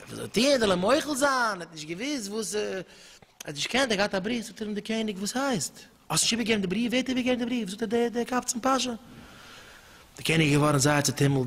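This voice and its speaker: A man's voice: sits high, a bit bright. A man giving a storytelling sermon, fervent and emphatic, often repeating and restarting his words. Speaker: religious speaker. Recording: long hall reverb with faint music.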